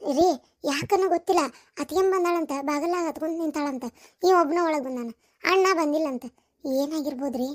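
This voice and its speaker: A sharp-tongued older mother-in-law with a North Karnataka Kannada accent scolds and mocks in a comic family skit, as a woman puts her on. Her voice sits very high and her words come fast. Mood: worried. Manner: scolding, mocking, bossy. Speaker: comedy sketch performer.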